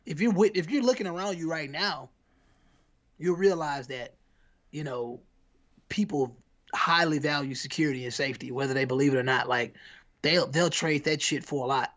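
A man's voice: fairly high pitch, normal speed, a bit bright, lo-fi sound. Slangy American man, rambling podcast chat. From United States. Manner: rambling and slangy, full of restarts. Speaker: podcast co-host. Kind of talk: casual chat.

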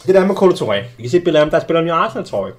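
A young adult man hosting a casual sports podcast, telling lively anecdotes with many restarts. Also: fairly high pitch. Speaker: podcast host. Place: small studio.

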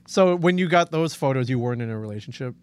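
A man's voice: medium pitch, lively intonation, fast talker, a little mellow, clear, resonant tone, no echo. A man co-hosting a podcast in casual chat, rambling and joking at his own expense. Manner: rambling, joking, self-deprecating. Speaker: podcast co-host.

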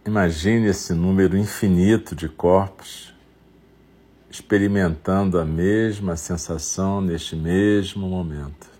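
Male meditation guide, Brazilian accent. Very low register, husky grain, very slow delivery broken into short phrases. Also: steady tone, mellow. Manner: unhurried instruction in short phrases with long pauses.

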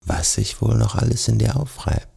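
A man narrating a guided sleep meditation in a soothing, gentle manner, speaking softly and directly to the listener. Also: fairly low pitch, fairly even intonation, moderate pace, creaky, husky.

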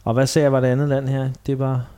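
A man's voice: mid-range voice, completely flat delivery, mellow, clean tone. A man co-hosting a casual podcast, teasing his partner in playful, bossy banter. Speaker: podcast co-host.

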